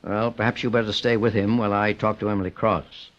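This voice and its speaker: In an old-time radio drama, an actor voices a shrewd, composed male private detective who is probing, formal, authoritative and coolly inquisitive. His natural voice is fairly low, delivered flatly and quickly, on a dull old radio recording.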